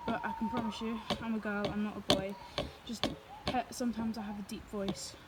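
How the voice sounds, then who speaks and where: A young woman vlogger talks fairly quickly into a phone she holds or carries while biking and walking outdoors in the countryside, her mid-range voice delivered flatly. She rambles and apologizes with many fillers, sometimes out of breath, amid heavy background noise.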